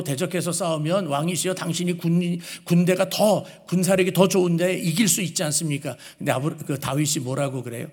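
A man preaching a sermon as a pastor. He asks the listeners questions and answers them himself, and he acts out the voices he quotes. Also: a little high. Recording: long hall reverb.

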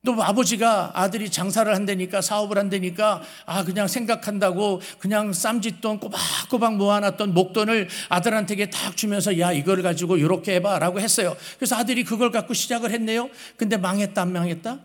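A man's voice: high-pitched, steady tone, fairly quick, few pauses. A man preaching a sermon as a pastor. He asks the listeners questions and answers them himself, and he acts out the voices he quotes. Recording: long hall reverb.

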